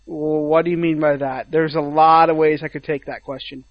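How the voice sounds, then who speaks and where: A young man co-hosting a podcast, chatting casually in an animated, teasing way. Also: a little high, normal speed, a little hiss or hum. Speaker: podcast co-host. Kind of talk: casual chat. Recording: slightly dull lo-fi audio.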